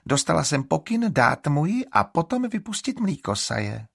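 A man's voice: a little high, very animated, vocal fry, a bit bright, breathy edge, dry recording, clean studio sound, voice pushed up, full character voice. A man voicing a sly scheming girl. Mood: explaining. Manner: pleading then scornful.

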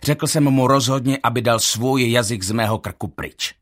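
A man reading a first-person audiobook in a measured, tense storytelling manner. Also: medium pitch. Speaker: audiobook narrator.

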